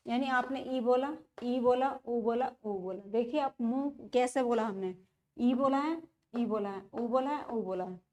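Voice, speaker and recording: Slow, high-voiced woman teaching grammar. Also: dark tone. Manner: slow, repeats terms and asks rhetorical questions. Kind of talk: classroom-style lesson.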